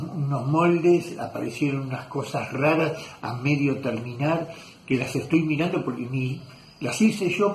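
A man's voice: mid-range voice, darkish tone, slight background noise. A man with an Argentine accent, a leatherwork teacher chatting casually in his workshop, rambling and correcting himself with lots of fillers. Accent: Argentine Spanish. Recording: echoey workshop room.

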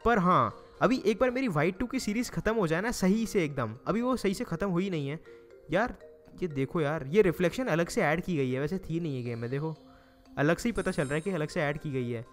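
A young Indian man with a Hindi accent and a slightly high voice talks through his game in a loose, chatty way. He groans and pleads with the game, and faint game music plays under him. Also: lively intonation, a little fast. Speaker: gaming YouTuber. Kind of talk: casual Let's Play commentary.

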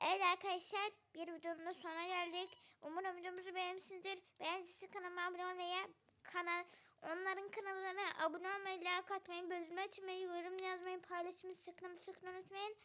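A woman's voice: extremely high pitch, flat delivery, fast, bright, forceful tone. A woman hosting a game channel, cheerfully rattling off a video outro. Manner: cheerful, rattles off sign-off phrases. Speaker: channel host.

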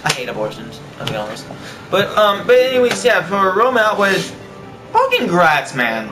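A young adult vlogger chats casually in a small bedroom, joking and swearing with a friend in profane banter, picked up by a webcam or console camera a short way off. His voice sits high with huge pitch swings at normal speed, over music.

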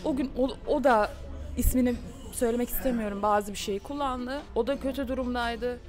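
A woman's voice: a little high, steady tone, a little fast, a little mellow. A woman, a daughter, answering interview questions on location in a subdued, insistent way.

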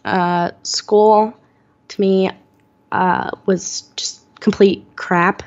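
An eighteen-year-old woman telling her own story as a guest in an interview, earnest and pausing often with "um". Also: mid-range voice, steady tone, gravelly, lo-fi sound. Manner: earnest, many "um" pauses. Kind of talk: podcast interview, personal story.

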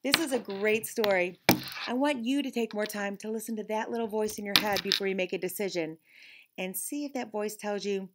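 In an indoor classroom, a middle-aged woman teacher reads a picture book expressively to children, adding conversational asides. Her medium-pitched voice is brisk, and the recording is very noisy.

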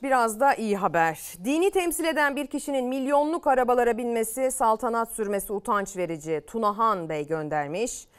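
A woman's voice: on the high side, clean tone. A woman presenting a weekend morning news show, reading out viewer messages and commenting on them. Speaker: news anchor.

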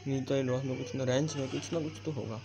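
A man's voice: mid-range voice, fairly even intonation, fast talker, noisy background. A man commentating live gameplay, urgently repeating commands to his partner. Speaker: gamer playing with a partner. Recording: dull lo-fi audio over game music.

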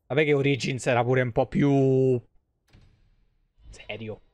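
This Roman-accented game streamer in his thirties speaks in a steady, mid-range, darkish voice, unhurried and with no echo. Hosting from an indoor setup at home, he gives casual live commentary, thinking aloud in a colloquial, salty way.

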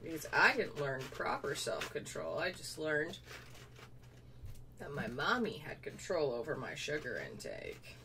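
Young woman, low-pitched voice, playful self-mocking chatter, talks while chewing, distant mic with faint hiss. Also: wildly swooping pitch, measured pace, pushed and bright. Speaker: vlogger. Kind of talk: casual unboxing vlog.

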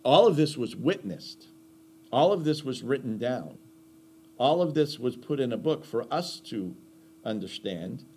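A man's voice: mid-range voice, animated, a little slow, a little mellow, breathy edge. A man teaching a Bible lesson in a conversational sermon style, emphatic, asking rhetorical questions and repeating key phrases.

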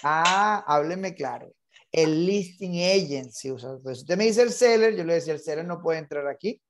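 A man's voice: on the high side, lively intonation, normal speed. A man leading an online real estate training class, insistent and repetitive, mixing English terms into his Spanish.

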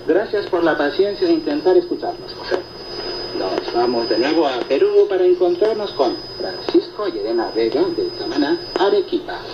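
On a shortwave broadcast full of loud static, a man co-hosting a radio show reads listener reports and answers them in a chatty presenting manner. His voice is on the high side with big pitch swings at a moderate pace, and the reception sounds muffled and echoey.

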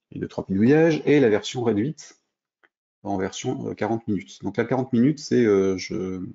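A French man with a low, gravelly, dark voice walks through a coding tutorial, thinking aloud with frequent hesitations and restarts. The audio is dull and lo-fi, with mouse clicks behind him. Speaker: programming instructor. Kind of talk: screen-recorded coding tutorial.

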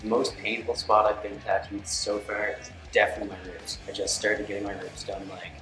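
An eighteen-year-old man from Canada talking casually in a seated interview, full of "like" fillers. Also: low voice. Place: studio with gray backdrop. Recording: roomy studio with music bed.

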